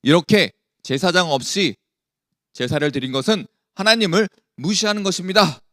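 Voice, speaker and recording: A man voicing an angry old male prophet scolding a king in a loud, rebuking tone. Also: very animated, a little slow, dry recording, studio quality. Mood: angry rebuke. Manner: loud, rebuking, raised pitch.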